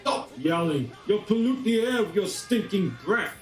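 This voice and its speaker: A man's voice: high-pitched, expressive, normal speed, voice pushed up. A man voicing a proud, cocky male warrior prince with a smug, taunting manner. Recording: roomy distant voice, faint music.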